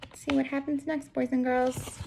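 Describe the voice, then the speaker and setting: On poor audio with a little hiss or hum, a woman with a high-pitched, gravelly and somewhat mellow voice reads a picture book to young children at a moderate pace, with little pitch movement. She reads expressively as a teacher would, asking the young listeners guiding questions directly.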